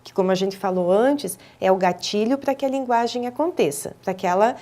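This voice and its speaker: A woman with a Brazilian Portuguese accent, a speech therapist answering interview questions in a didactic way, often pausing on hesitant fillers and restarting phrases. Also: mid-range voice, dark tone. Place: television studio.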